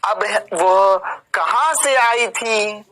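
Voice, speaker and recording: A man's voice: sits high, very slow, pushed and bright, rough recording. A man teaching physics in an online exam-prep lecture, emphatic and informal, checking in with his students by tag question and calling them kids and brother. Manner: emphatic, repeats tag questions, calls students 'beta' and 'bhaiya'; informal joking asides while explaining.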